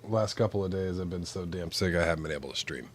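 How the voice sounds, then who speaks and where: A deep-voiced man talks fast on his gaming livestream, with a faint hiss or hum in the audio. Flu has left his sinuses stuffed up, so he sounds congested and nasal, like his nose is pinched, as he chats and rambles casually.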